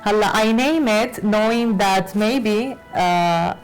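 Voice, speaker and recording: Lebanese-born woman designer, hesitant, lots of uhs, soft music under. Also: medium pitch, slow pace, rough recording. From Lebanese, raised in Latin America. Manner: hesitant, many fillers and restarts. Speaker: fashion designer guest. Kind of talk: conversational interview.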